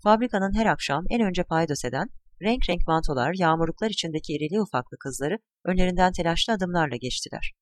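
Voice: mid-range voice, animated, dry recording. A dry, close storyteller reading. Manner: measured storytelling, voicing grandchildren and wife with small shifts. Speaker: narrator. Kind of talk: literary short story reading.

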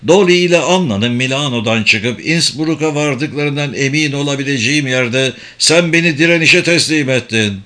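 A man's voice: medium pitch, moderate pace, few pauses, bright, forceful tone, lightly acted. A man voicing a proud, cornered older army general in an audiobook, pleading and commanding by turns.

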